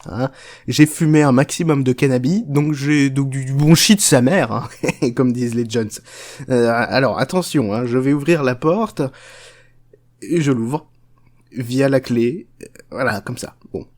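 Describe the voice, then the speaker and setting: A foul-mouthed, unhinged chocolate factory owner rambles through his speech, mocking everyone around him and swearing freely, as a man plays him. His voice sits at an ordinary middle pitch with a casual, offhand delivery, set in a comic parody. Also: a little slow, a little mellow, lightly acted.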